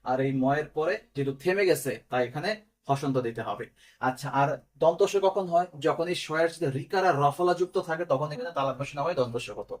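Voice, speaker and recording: A man's voice: a little high, fast talker. A man teaching a pronunciation lesson step by step. He speaks Bengali with a Bangladeshi accent, asks his students questions and then answers them himself.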